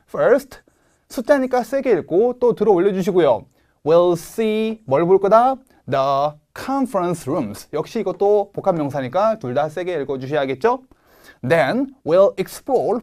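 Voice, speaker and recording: A man's voice: high voice, darkish tone. A man in his thirties with a Korean accent, giving an online TOEIC Speaking lecture and modeling English words for viewers to repeat.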